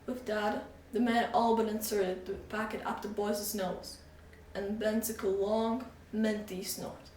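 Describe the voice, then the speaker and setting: A woman reading a children's storybook aloud with an expressive, animated delivery. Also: medium pitch, a little slow, slight background noise. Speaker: reader. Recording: echoey room, voice from far off.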